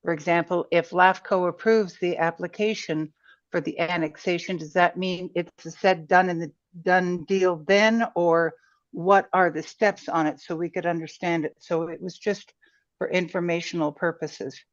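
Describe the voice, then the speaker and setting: Woman meeting member on a group voice call, low voice, dull lo-fi dry line, plain and a bit rambling. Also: steady tone, moderate pace. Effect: heard over a group online voice call. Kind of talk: casual explaining in a meeting.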